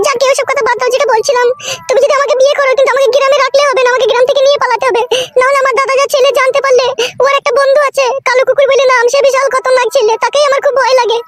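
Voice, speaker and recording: A woman's voice: very high-pitched, little pitch movement, rapid-fire. A woman voicing a timid young village girlfriend in a cartoon who talks nervously and pleads. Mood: worried. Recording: loud background noise.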